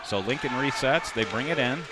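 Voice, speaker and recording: A man giving amateur play-by-play commentary on a youth hockey game, calling the action quickly and with rising excitement. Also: mid-range voice, background noise.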